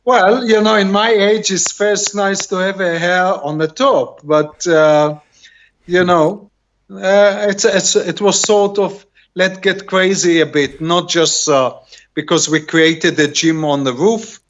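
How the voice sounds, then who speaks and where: Slow, halting Israeli man, muffled audio. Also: sits high, a bit bright, slight background noise. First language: Hebrew. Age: middle-aged. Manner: halting, rambling, searching for words. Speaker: author, interview guest. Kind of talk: casual conversational interview. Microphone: video call. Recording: dull, lo-fi video call audio.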